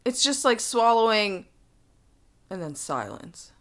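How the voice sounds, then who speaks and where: High, lively woman chiming in. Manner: quick reactions, giggly, expressive. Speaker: podcast guest panelist. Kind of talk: casual chat.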